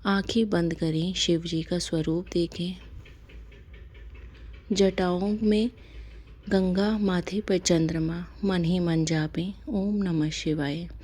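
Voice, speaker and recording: A woman hosting a devotional channel, explaining fasting rituals softly and slowly, her lines often trailing off into a whisper. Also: lowish voice, fairly even intonation. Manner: slow, soft-spoken, lapses into whispery line endings.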